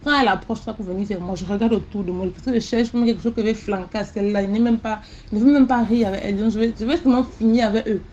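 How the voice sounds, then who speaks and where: A woman telling a first-person mystical story in an animated way, repeating herself and using sound words, recorded with a slightly dull sound. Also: mid-range voice, rapid-fire, hardly any pauses, slight background noise.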